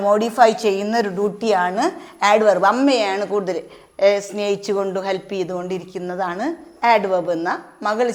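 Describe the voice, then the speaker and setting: A woman explaining a grammar lesson as a teacher, asking questions and answering them herself in an animated way. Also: a little high. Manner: animated, asks and answers her own questions. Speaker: English teacher.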